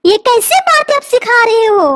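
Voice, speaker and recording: A woman doing a squeaky cheeky cartoon boy. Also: lively intonation, moderate pace, very noisy. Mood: mock-innocent. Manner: teasing, cheeky. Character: cheeky young boy, mischievous son. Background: background music.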